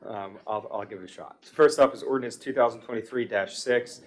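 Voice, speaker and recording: An American man chairs a township meeting in the public meeting room, his mid-range voice moving briskly. He reads long ordinances and motions aloud in a formal, procedural way.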